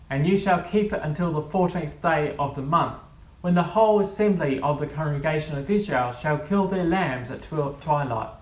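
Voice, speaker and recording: A man leading a church service, praying and reading scripture in a measured, solemn way with a cathedral echo. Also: a little high. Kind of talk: liturgical prayer and scripture reading. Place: large church. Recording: echoey church from far off.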